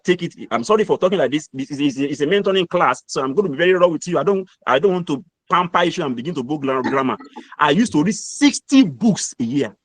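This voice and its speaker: With a Nigerian accent and a preacher's habit of repetition, a middle-aged guest mentor drives home his motivational message. For a man, his voice sits fairly high, and the dry recording carries no room echo.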